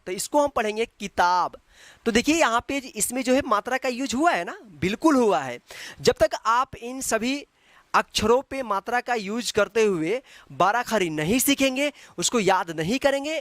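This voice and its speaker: A woman teaching a Hindi alphabet lesson. She explains patiently, repeats herself and checks in often, then chants syllables loudly and slowly. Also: on the high side, dry recording. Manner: patient, repetitive, checks with frequent "ठीक है".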